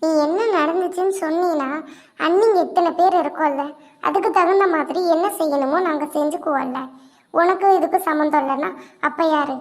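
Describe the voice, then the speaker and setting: A woman voicing a calm, patient elder sister-in-law who talks softly and slowly in a cartoon. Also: very high voice. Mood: coaxing. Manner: soft, soothing, slow.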